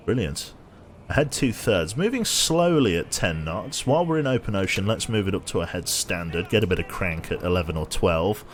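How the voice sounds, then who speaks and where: Commentating casually on his game stream, a man sounds a little tired as he chats, thinks out loud and thanks his viewers. His fairly low voice has a slightly nasal, somewhat raspy quality.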